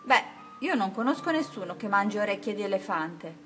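A woman voicing a crying elephant with slow, drawn-out cries. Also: mid-range voice, sing-song, fairly bright tone, faint music behind. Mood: hurt.

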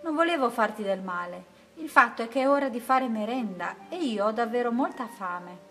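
A woman voicing a hungry, polite little male crocodile in a raised, loud voice. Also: a little high, animated, normal speed, faint music behind.

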